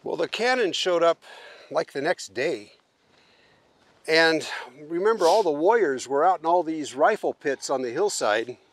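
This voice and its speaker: Older man chatting outdoors on a prairie. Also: on the high side. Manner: relaxed, halting with fillers. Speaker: travel vlogger. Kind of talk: casual explaining on location. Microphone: camera held at arm's length.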